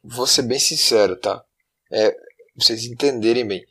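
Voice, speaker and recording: A man's voice: medium pitch, moderate pace, a bit bright, slightly rough. A Brazilian man co-hosting a podcast, explaining things informally and slangily as he goes through comments. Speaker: podcast co-host. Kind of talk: casual podcast chat, reading and answering comments.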